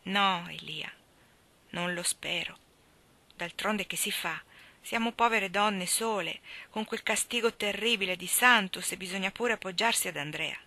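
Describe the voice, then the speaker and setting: A woman's voice: mid-range voice, measured pace, pushed and bright. A woman reading aloud voices a worried widowed mother who laments her sons in an anxious, pleading way. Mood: lamenting.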